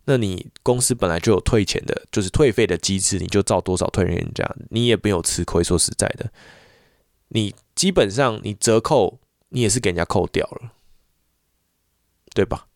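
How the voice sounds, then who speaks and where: A man's voice: on the low side, moderate pace, dry recording, studio quality. A man, a voice teacher, ranting in a casual monologue full of repeats and restarts. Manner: animated, repetitive ranting with frequent restarts.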